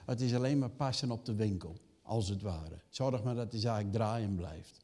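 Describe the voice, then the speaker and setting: A man's voice: lowish voice, moderate pace, mellow, husky. An older man preaching a sermon, asking the congregation rhetorical questions and raising his voice for quoted reactions. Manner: rising emphatic acted quotes. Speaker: pastor.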